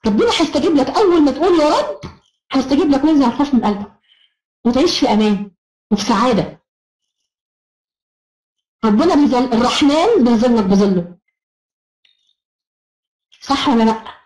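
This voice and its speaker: A woman's voice: high voice, expressive, a little fast, pauses often, a little mellow, roomy sound, poor audio. A woman with an Egyptian Arabic accent giving an encouraging online self-help lecture, praising her students as she goes.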